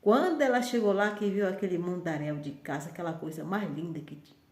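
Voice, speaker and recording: A woman's voice: on the low side, quick pace, darkish tone. Woman telling a folk tale casually. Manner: rambling, conversational with frequent restarts. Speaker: storyteller. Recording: roomy echo.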